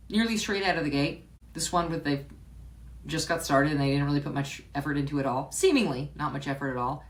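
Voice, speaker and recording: With a fairly bright voice on the low side, this woman talks alone on her podcast in a chatty, reflective style. She frequently repeats words and starts her sentences over, laughing occasionally.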